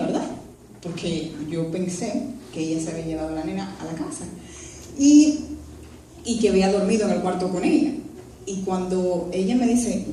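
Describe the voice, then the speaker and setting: A woman giving an earnest personal testimony in a church, telling her story haltingly with restarts. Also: mid-range voice, dark tone, slight background noise. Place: church hall. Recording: very echoey hall, voice from far off.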